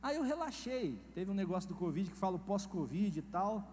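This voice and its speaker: A man's voice: high-pitched, big pitch swings, brisk, a little mellow. A middle-aged man with a Brazilian Portuguese accent, preaching a sermon in a folksy storytelling way and acting out the dialogue. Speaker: pastor. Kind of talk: sermon with personal anecdotes. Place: church hall. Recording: reverberant hall, faint noise.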